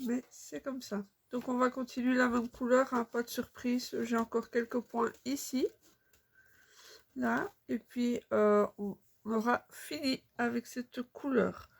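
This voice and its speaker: A woman in her thirties chatting casually while she stitches, unhurried and full of fillers. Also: a little high, fairly even intonation, creaky. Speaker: cross-stitch vlogger.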